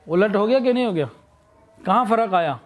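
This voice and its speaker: A man with a Pakistani Urdu accent gives a sermon, explaining with rhetorical questions and leading slow recitations. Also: sits high, expressive. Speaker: preacher.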